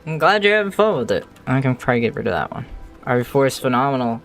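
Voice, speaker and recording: A live streamer modding a video game talks casually at the computer, often muttering thoughts aloud as though to themselves. The voice is medium-pitched, very animated, fast and a bit bright, with faint music in the background.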